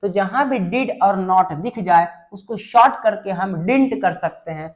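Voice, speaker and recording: A woman's voice: medium pitch, unhurried. A woman teaching English grammar in a classroom lesson, patiently repeating and drilling sentence patterns. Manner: patient, addresses students as "babu".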